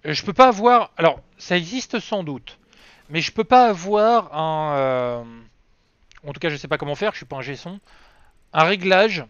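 A man's voice: fairly high pitch, lively intonation, moderate pace, a bit bright, clear, resonant tone, dry recording. A man chatting casually on a game live stream, rambling and self-mocking with lots of fillers. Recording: dry, slightly dull lo-fi sound.

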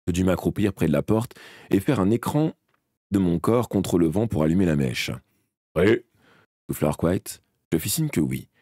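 Deep-voiced man reading an audiobook live. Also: breathy edge, no room sound, clean studio sound. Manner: expressive, with occasional slips and restarts. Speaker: audiobook reader.

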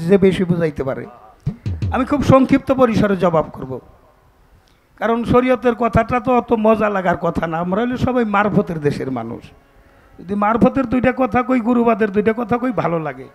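Man singing pala gaan on stage, very high voice, loud folk band behind. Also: lively intonation, brisk, faint music behind. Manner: sings verses then explains in rustic spoken rhythm. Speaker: folk debate singer. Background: folk instruments.

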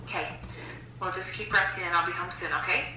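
Middle-aged mom on a casual phone call, very echoey, rapid delivery. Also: female voice, lowish voice, level tone, bright, forceful tone. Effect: heard through a phone call. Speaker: mother calling home. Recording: echoey distant phone call, faint noise.

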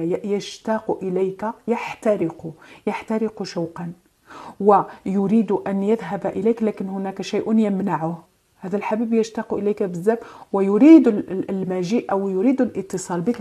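Warm-voiced woman reading tarot. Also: mid-range voice, slightly rough. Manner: gentle, reassuring, drawn-out phrasing with hesitations and French phrases. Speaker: tarot reader.

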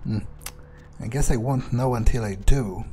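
With a warm, mid-range voice at a moderate pace, a man roleplays in character over gameplay, hesitantly musing through his character's thoughts and muttering curses. There's a faint hiss or hum in the audio.

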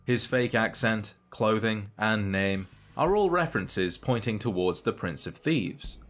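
A man narrating a scripted game video essay in a measured, dry and wry way. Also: on the low side, animated, a bit bright.

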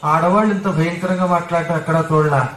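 A man's voice: a little high, steady tone, a little fast, a bit bright. A man giving a devotional scripture discourse, telling the story with humor and chanting verses. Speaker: religious discourse speaker. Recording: roomy hall, distant mic.

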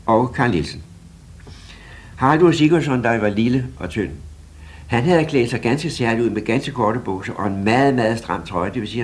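An older man from Denmark recalls his student days in an interview, spinning lively anecdotes at a moderate pitch. A faint hiss sits under his voice. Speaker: retired pianist interviewee. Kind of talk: reminiscing interview.

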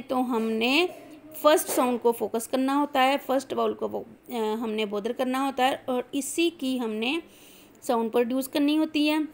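A woman teacher, slowly explaining a lesson and spelling out words letter by letter. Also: sits high.

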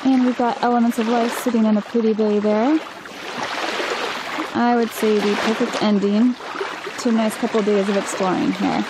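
A woman's voice: on the high side, steady tone, normal speed, pauses often, very noisy. A young adult woman in casual chat, narrating an island hike as a sailing vlogger. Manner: chatty, light laughs. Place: outdoors on an island trail.

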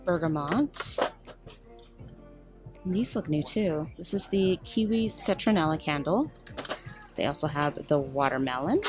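A woman casually narrating a shopping walkthrough in a large store, reading out items and prices as she films on her phone. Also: sits low. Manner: chatty, reads out prices and labels. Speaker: shopping vlogger. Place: large retail store indoors. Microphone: handheld phone camera.

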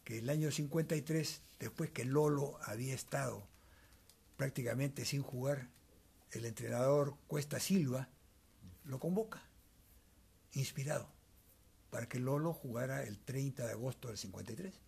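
A man's voice: medium pitch, gravelly, a little mellow, slightly rough. An older man, recalling old times as an interview guest in a small cluttered room, speaking into a handheld mic. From Peru. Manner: measured, storytelling, tags remarks with asides. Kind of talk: reminiscing interview. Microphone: handheld wired mic held by interviewer.

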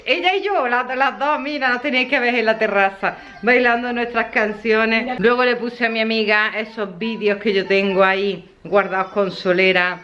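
A woman's voice: fairly high pitch, moderate pace, few pauses, fairly bright tone, dull audio. A woman with a Spanish accent from Spain, chatting casually in a vlog, laughing often and sighing with emotional exclamations. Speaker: vlogger.

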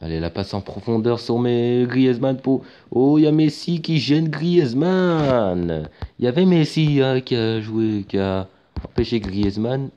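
Excitable male gamer calling his own football match, mellow dark tone, lo-fi mic. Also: medium pitch, unhurried. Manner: excitable, shouts at big moments, chatty asides with many fillers. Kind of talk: casual gameplay commentary. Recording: dull lo-fi home mic with faint noise.

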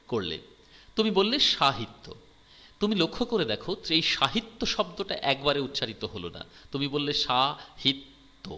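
A man teaching a grammar lesson, with a high, bright voice that rises and falls a lot. He keeps asking his listeners questions and answering them himself. His voice rings with a long hall reverb. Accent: Bengali.

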